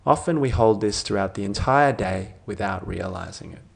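A man narrating a guided sleep meditation in a soothing sleep-story manner, with gentle phrases that trail off softly and long pauses between them. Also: fairly low pitch, creaky, slightly rough.

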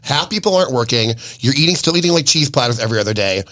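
Animated male co-host from Wisconsin. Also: mid-range voice, very fast. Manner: animated storyteller, acts out quotes. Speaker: podcast co-host. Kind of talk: casual podcast chat.

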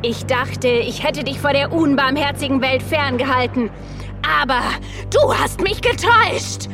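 A woman voicing a spiteful old witch in a storybook reading, talking in a slow, drawn-out, mocking way over background music. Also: high voice, voice pushed up. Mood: angry.

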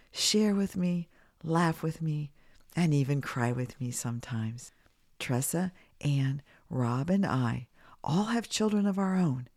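A woman's voice: sits low, warm tone, dry recording, studio quality. A middle-aged woman from the United States hosting a children's podcast in simple scripted narration, her voice slightly scratchy as she gets over a cold. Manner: simple, clearly phrased address to children.

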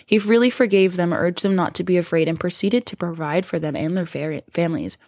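A woman reads a devotional passage aloud for a podcast. Her voice sits a little low, and the recording is very dry, with no audible room. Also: fairly quick, darkish tone, no echo. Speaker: podcast host. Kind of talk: reading a devotional book aloud.

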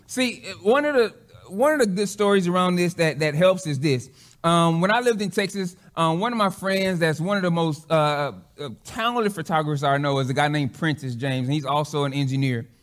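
A man, a pastor, preaching a sermon in a conversational way, often restarting phrases and acting out quotes. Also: sits high.

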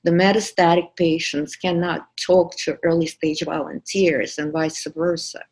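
A woman in her fifties with a Russian accent, both a podcast producer and guest, tells her personal story candidly and wryly, with many fillers. Her voice is fairly low, level, measured and a little mellow.

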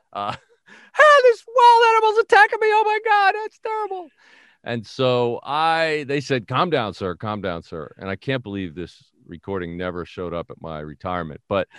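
A middle-aged man from the Bronx, telling a story in an animated, self-mocking way as an interview guest. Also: fairly low pitch, smooth, no echo, studio quality. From the Bronx, New York. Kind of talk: casual storytelling.

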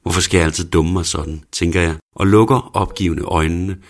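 A man with a very low, deep voice reads a first-person story aloud. His telling is plain and low-key, without fuss. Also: steady tone. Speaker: narrator.

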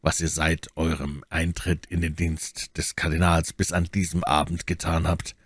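A stern, coldly menacing nobleman speaks slowly and quietly in a very low, husky voice, as read by a male narrator. The audiobook recording is dry and close. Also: flat delivery, no room sound. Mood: accusing. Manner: slow, measured, threatening. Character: stern cold nobleman, adult, menacing calm. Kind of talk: audiobook character voice.

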